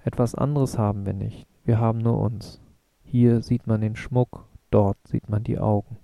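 A man's voice: on the low side, steady tone, normal speed, gravelly, no room sound, muffled recording. A man reading Schewek, a brooding moon man. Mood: bitter, impassioned.

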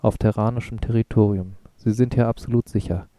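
A man's voice: fairly low pitch, fairly even intonation, brisk, warm tone, no echo, lightly acted. A man voicing a courteous woman ambassador over sixty with a smoky, sing-song voice, in an audiobook. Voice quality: smoky singsong voice.

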